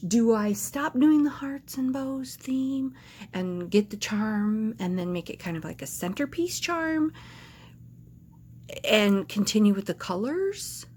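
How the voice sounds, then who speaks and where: A woman's voice: fairly high pitch, slow pace, darkish tone, slightly rough. A woman vlogging casually to camera, rambling and hesitant, with lots of filler words and restarts.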